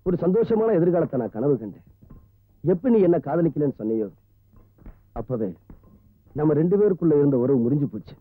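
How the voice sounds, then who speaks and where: An actor playing a hurt orphaned husband, speaking low and reproachfully. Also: male voice, lively intonation, fairly quick, pauses often, dry recording. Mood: wounded. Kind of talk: 1990s film acting. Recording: tinny lo-fi film soundtrack with music.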